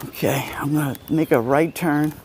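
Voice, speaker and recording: Slightly high-pitched with a darkish, steady tone, a middle-aged Brooklyn man with an Italian-American accent talks at normal speed. He's livestreaming a casual walk on a city street, answering viewers. Passing vehicles and street ambience come through in the outdoor recording.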